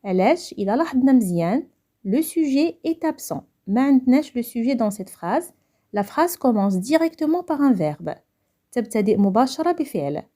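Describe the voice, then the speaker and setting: A woman with a Moroccan accent teaching a French grammar lesson, going over each point slowly in French and then quickly again in Moroccan Arabic. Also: on the high side, sing-song, warm tone. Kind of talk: grammar lesson explaining exercises.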